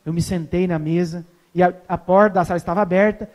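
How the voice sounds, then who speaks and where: A man's voice: sits high, fairly even intonation, fast, darkish tone. A man preaching an evangelistic sermon as a pastor. He tells a story, acts out the dialogue and keeps asking the congregation questions.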